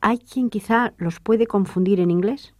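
A woman's voice: mid-range voice, unhurried, dark tone, no room sound, clean studio sound. A woman hosting a language lesson, posing questions and summing up each point. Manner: poses questions and sums up. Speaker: host. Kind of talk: scripted lesson moderation.

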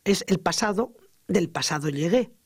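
A teacher explains verb tenses on an educational radio program, speaking at a middling pitch with lots of energy. Example sentences are acted out along the way. The recording is close and dry. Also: animated, normal speed, breathy edge, dry recording. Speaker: grammar teacher.

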